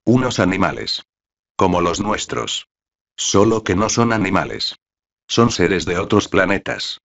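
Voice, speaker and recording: A man's voice: low voice, unhurried, creaky, a bit bright, heavily acted. A man reading an anxious, insistent boy. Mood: urgent. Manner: urgent, insistent. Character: anxious excitable young boy. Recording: dull lo-fi audiobook recording.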